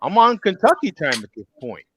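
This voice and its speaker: Husky, high and very animated, this fifty-something show host talks fairly quickly on his casual live web show over a video call. He teases and jokes with the regulars, often repeating words once he's on a roll.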